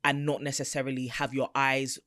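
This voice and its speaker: A woman talks on her podcast in a low, level voice, recorded dry and close. She tells her story earnestly, going from soft to emphatic. Her tone is casual and heartfelt. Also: flat delivery, brisk, no echo. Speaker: podcast co-host.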